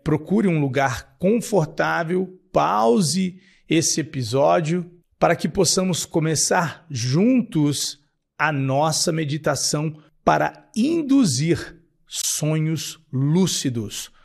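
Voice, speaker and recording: A man hosting a guided meditation, addressing listeners directly in a husky, creaky voice. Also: a little high, lively intonation, slow pace. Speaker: guided meditation podcast host.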